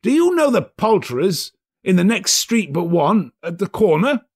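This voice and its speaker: A man acts out a giddy old miser bursting with joy in a storybook tale. The pitch is pushed high and swings wildly, with a husky edge. The delivery is excitable, breathless and exclamatory. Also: moderate pace, heavily acted. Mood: delighted. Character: jubilant reformed old miser Scrooge, giddy and overjoyed.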